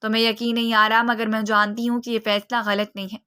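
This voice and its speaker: A woman reading a storybook and voicing a young woman friend who speaks softly and reassuringly. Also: fairly high pitch, little pitch movement, clear, resonant tone. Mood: soothing. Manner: soft, soothing.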